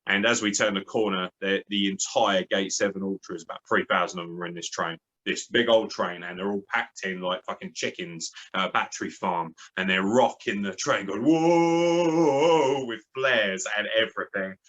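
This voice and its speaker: A man's voice: low-pitched, fairly even intonation, normal speed, few pauses, bright, forceful tone, highs cut off. Blunt, sweary man. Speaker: interview guest. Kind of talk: casual storytelling interview.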